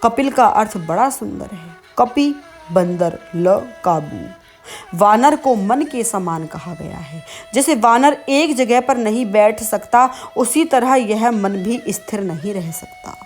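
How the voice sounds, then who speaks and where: Slow, calm woman giving a devotional sermon. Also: mid-range voice, faint music behind. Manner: calm, explanatory, teaches through everyday comparisons. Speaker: religious discourse speaker.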